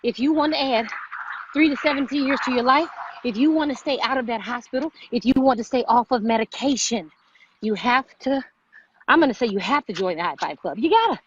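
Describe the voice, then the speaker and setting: Her voice is on the high side with a sharp tone. Over muffled, noisy livestream audio, this fitness-motivator vlog host delivers motivational chat with emphasis, repeating phrases to drive points home.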